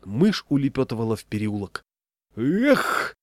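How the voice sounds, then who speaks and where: A man narrating a humorous short story in a steady, wry reading voice. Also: lowish voice, normal speed, no echo, clean studio sound.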